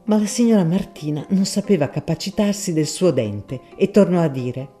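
A man narrating a story in an expressive, measured reading. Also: a little high. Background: soft guitar music.

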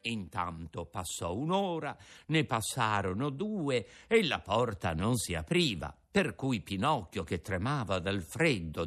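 A man narrating a storybook in an expressive, animated way. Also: mid-range voice.

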